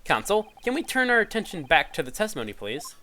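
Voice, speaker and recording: A man playing a polite, questioning defence lawyer in a courtroom video game, with measured phrasing. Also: sits high, sing-song, sharp tone, a little hiss or hum, full character voice. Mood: probing.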